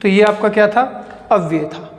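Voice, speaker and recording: A male teacher giving a grammar lesson for exam students, asking questions and answering them himself, and repeating key phrases slowly for emphasis. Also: sits high. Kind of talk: Hindi grammar lecture. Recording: echoey room with long reverb.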